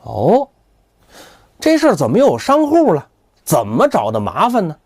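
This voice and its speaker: A male storyteller voicing a calm, stern older official who speaks slowly and quietly threatens. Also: high-pitched, breathy edge, no room sound, clean studio sound, heavily acted. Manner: slow, measured, quietly threatening.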